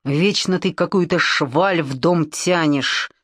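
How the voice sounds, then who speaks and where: A woman's voice: on the low side, very animated, moderate pace, breathy edge, no echo, clean studio sound. Woman reading as a disdainful haughty husband. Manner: disdainful, firm. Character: haughty irritated husband, Vadim.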